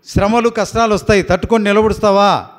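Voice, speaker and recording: High-pitched male pastor from Andhra Pradesh; firm, coaxing questioner at a baptism. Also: steady tone, fast. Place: prayer house.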